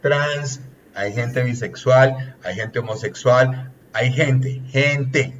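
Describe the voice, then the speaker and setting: A man's voice: medium pitch, very slow, a little hiss or hum. Earnest man, muffled recording. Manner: earnest, teacherly, lists points, often says "etcétera". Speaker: relationships consultant, guest. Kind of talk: explanatory coaching talk.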